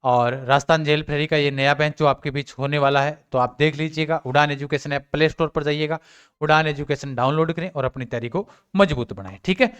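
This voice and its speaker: A man's voice: fairly high pitch, a little fast, a bit bright, clean tone. A man giving exam updates to students in a casual teaching talk, asking his own questions and answering them.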